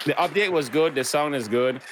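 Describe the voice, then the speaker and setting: A man's voice: a little high, brisk, crowd noise, noisy background. Blunt man in casual gaming chat. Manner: blunt, dismissive opinions. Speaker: podcast co-host.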